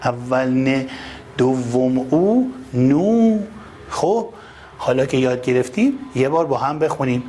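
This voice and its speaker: A man teaching first graders to read, sounding out letters slowly and repeating each one, with sudden high, lively bursts when he calls out to the children. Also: a little hiss or hum. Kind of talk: children's reading lesson.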